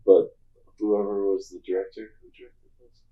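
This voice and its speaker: Easygoing lowish man, echoey room. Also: level tone, normal speed, muffled recording. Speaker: podcast co-host. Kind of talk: casual chat.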